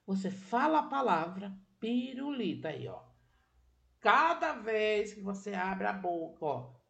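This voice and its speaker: A woman's voice: mid-range voice, big pitch swings, slow pace, vocal fry, a bit bright. A woman teacher giving a patient remote literacy lesson to children, walking through each step and checking that they follow along.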